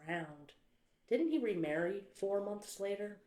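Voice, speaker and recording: A woman's voice: mid-range voice, very animated, measured pace. A woman voicing the patient, mildly dry caretaker of a ghost town in a puppet stage play. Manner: mild, patient, gently dry hosting. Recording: roomy echo.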